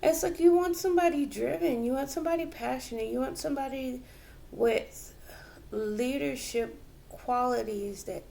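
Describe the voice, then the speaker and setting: A woman giving a tarot reading to viewers, slow and reflective, with many fillers and restarts. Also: high-pitched, vocal fry, warm tone. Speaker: tarot reader.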